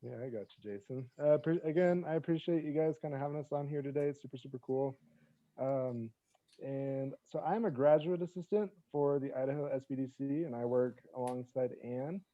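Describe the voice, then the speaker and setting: A man's voice: mid-range voice, brisk, mellow, no echo, muffled recording. A young adult man chatting casually as a podcast guest, informal and enthusiastic in his wording. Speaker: guest, graduate assistant. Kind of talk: casual chat.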